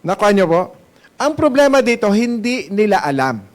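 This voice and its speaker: A man's voice: sits high, big pitch swings, normal speed. A man with a Filipino accent preaching a Sunday sermon as pastor. He mixes Tagalog and English and keeps asking the congregation questions. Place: church service hall.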